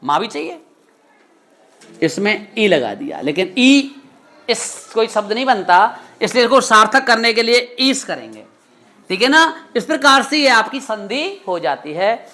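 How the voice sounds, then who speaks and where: A man's voice: sits high, sing-song, bright, forceful tone. Stern man teaching a grammar class. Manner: stern, scolding, full of quick quiz questions to students.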